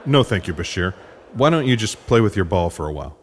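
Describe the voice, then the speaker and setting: For a comic sci-fi audio drama, a man voices a patient intelligence agent with a dry wit. He speaks a little fast in a slightly low, wry, sing-song voice, over heavy background noise.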